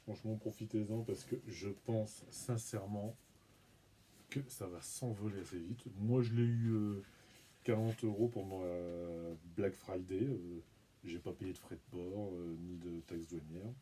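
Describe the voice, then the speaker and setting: Mellow-voiced Frenchman unboxing casually. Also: low-pitched, measured pace, a little hiss or hum. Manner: relaxed, rambling, self-mocking, hums and mutters while handling items. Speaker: video channel host.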